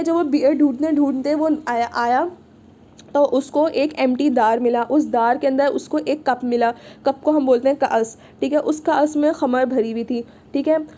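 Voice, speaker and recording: A woman leads an online Arabic class. Her voice sits high but has a soft, mellow color. She explains patiently and keeps checking in with her students. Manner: patient, repeats "ठीक है" often. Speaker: Arabic teacher.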